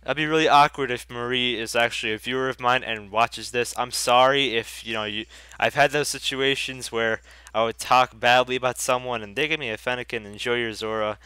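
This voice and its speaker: Stuffed up with a cold, a young YouTuber rambles and swears through casual commentary on the game he's playing, keeping it chatty. He speaks a little fast at medium pitch, his tone steady, sharp and clean. No room sound is present.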